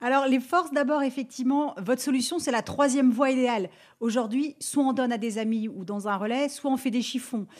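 A woman's voice: high-pitched, darkish tone. Woman advisor giving structured feedback. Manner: clear, structured, quick to laugh. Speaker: business advisor. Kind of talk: expert feedback on radio.

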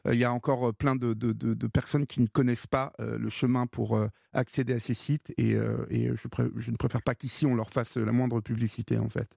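A man hosts a radio call-in show in a gravelly voice of middle pitch. He talks haltingly, stacking fillers and repeating words as he goes. The sound is dry and close. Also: flat delivery, dark tone, no room sound. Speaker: radio host.

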